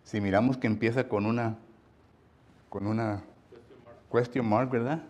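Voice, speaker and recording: A man gives a sermon in a Mexican Spanish accent at an unhurried pace, his medium-pitched voice holding a steady tone. He talks casually, leans on tag questions, and stresses scripture loudly.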